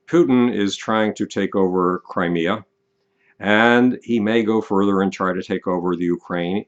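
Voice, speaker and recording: An older man speaks in a fairly low voice, leaning hard on key words and drawing them out. He delivers a casual but deliberate monologue straight to the listener. The sound is dull and lo-fi. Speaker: commentator.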